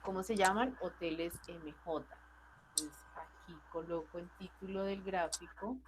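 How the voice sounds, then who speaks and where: Slow, patient woman teacher. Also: fairly low pitch, fairly even intonation, a little hiss or hum, poor audio. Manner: patient, checks understanding with frequent questions. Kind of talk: online class explaining spreadsheet charts.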